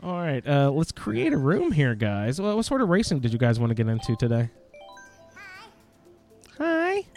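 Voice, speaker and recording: A man's voice: mid-range voice, big pitch swings, brisk, few pauses, darkish tone, soft background music. A man hosting a gaming podcast in a casual, informal, self-deprecating way. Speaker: podcast host.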